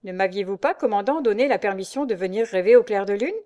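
A woman voicing a calm, polite young male nobleman who answers evenly and courteously in a read-aloud story. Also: medium pitch, fast talker, lightly acted. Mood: composed.

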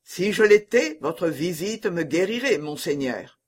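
A man's voice: high voice, big pitch swings, measured pace, full character voice. A man doing a flustered, fawning injured councillor. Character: timid, flustered male councillor, bedridden and injured. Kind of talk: audiobook novel reading.

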